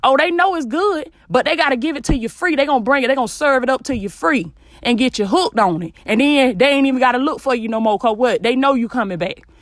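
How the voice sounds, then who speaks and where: A woman's voice: high voice, fast, no room sound, clean studio sound. A woman hosting a podcast, giving an informal, preachy motivational talk in a blunt, emphatic way and repeating phrases for effect. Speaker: podcast host giving motivational business advice. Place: small closet at home.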